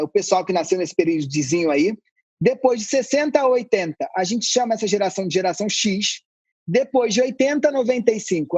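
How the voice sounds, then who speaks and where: A man who is an anthropologist, a guest on a podcast, explaining ideas in a relaxed, conversational way with playful asides. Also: high voice, breathy edge, no echo.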